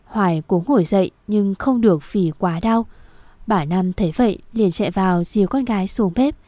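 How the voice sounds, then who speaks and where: A woman narrating a romance story in a steady, expressive reading voice. Her tone is dark and mellow, and the recording is dry and close to the mic. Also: medium pitch, moderate pace, dry recording.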